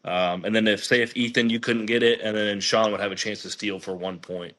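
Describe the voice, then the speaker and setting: A man's voice: lowish voice, steady tone, a little fast, fairly bright tone. A man hosting a casual podcast, running a sports trivia game with lots of fillers and restarts. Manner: chatty, lots of fillers and restarts while reading quiz.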